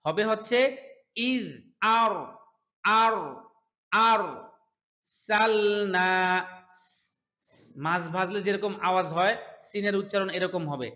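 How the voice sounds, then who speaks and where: Recitation teacher, male, high voice, unhurried, corrective, dull lo-fi recording. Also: sharp tone, echoey room. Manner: corrects pronunciation, drawls recited words slowly. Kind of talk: online tajweed lesson, reciting and explaining.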